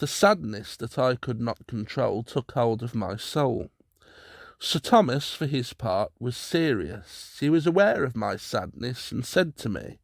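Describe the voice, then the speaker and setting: A man reading a classic story aloud in a measured storytelling voice. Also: medium pitch, vocal fry, dry recording, clean studio sound. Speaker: audiobook narrator. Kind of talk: scripted story narration.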